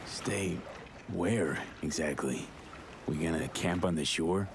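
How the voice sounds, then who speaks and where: Weary mercenary, dry, low pitch, video game drama, noisy ambient background. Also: male voice, takes it slowly. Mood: dry, wary.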